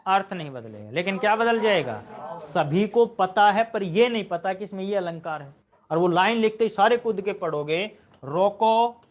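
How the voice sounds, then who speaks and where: A man's voice: high voice, lively intonation, normal speed. A man teaching a live grammar lesson, constantly quizzing his students with questions and answering them himself.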